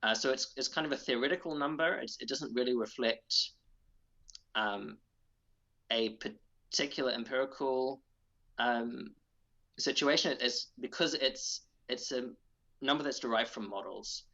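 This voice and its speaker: A New man answers interview questions with care and many fillers. His voice sounds bright and sharp, but it comes through a dull, muffled video call. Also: mid-range voice, vocal fry. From New Zealand. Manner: careful, measured explaining with many fillers. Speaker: guest geneticist.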